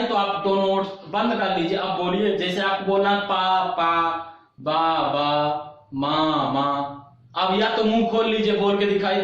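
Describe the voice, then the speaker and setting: High-voiced man teaching in an echoey room. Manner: asks questions and answers them himself, repeats key terms; slow, drawn-out demonstration of sounds. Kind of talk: online class lecture. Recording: very echoey, dull lo-fi room recording.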